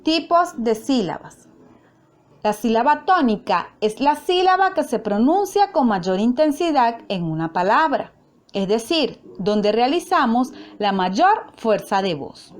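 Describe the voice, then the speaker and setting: A woman teacher talks through a recorded lesson at an unhurried, deliberate pace. Her voice sits a little high and moves up and down a lot as she sounds out each syllable with care. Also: very animated. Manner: slow, careful, spelling out syllables.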